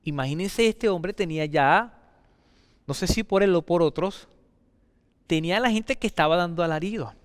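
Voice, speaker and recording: Male preacher, high and smooth voice, emphatic sermon delivery, long reverberant hall. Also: normal speed, long pauses, clean studio sound. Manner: emphatic, repeats key phrases with swings of pitch and loudness.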